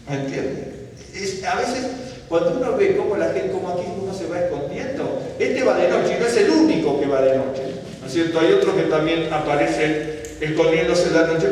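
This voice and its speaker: Man, rambling sermon, heavy echo, far from the mic. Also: sits high. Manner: rambling, conversational, many fillers and rhetorical questions. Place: large echoey hall. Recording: very echoey hall, voice from far off, faint background hum.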